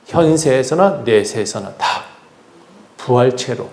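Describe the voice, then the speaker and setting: A man's voice: medium pitch, animated, slow pace, gravelly, darkish tone, roomy sound. A man preaching a sermon as pastor of his church, earnest, acting out the voices of people he quotes. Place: church sanctuary.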